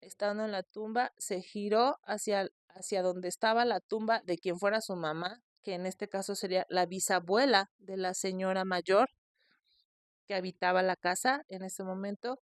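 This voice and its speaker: Female podcast host, expressive storyteller, dry booth sound. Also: mid-range voice, moderate pace, no echo. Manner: animated retelling with quoted voices.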